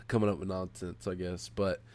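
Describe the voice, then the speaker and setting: A man's voice: low voice, normal speed, a little mellow. A man hosting a casual podcast, sounding sick, nasal and stuffed up, speaking into a headset. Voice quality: nasal, congested. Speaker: podcast host.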